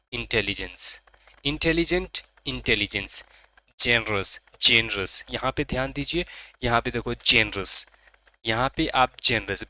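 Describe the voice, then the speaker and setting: A man teaching English pronunciation, repeating word pairs slowly and emphatically and correcting common student mistakes. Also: mid-range voice, pushed and bright, no echo. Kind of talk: pronunciation drill lesson.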